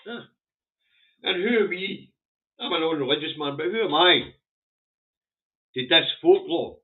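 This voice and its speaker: A man's voice: on the high side, animated, unhurried. Blunt Scottish man on a phone-like recording. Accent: broad Scottish. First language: Scots. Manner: blunt, sweary, rambling. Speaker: vlogger reviewing the day's newspaper front pages. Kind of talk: casual opinionated commentary. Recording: muffled phone-like narrow-band audio.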